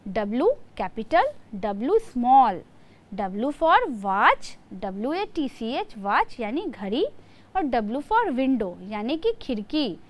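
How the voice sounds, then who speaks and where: A woman's voice: a little high, very animated, takes it slowly. A woman teacher giving a lesson to young children, spelling words out letter by letter.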